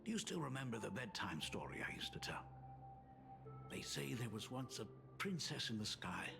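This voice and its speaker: An actor playing a solemn, aging father in a video game, with an old man's gravelly voice and a grave, wistful delivery. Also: mid-range voice, very animated, moderate pace, over music. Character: solemn aging father, fatherly artist burdened by family curse. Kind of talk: dramatic video game voice acting.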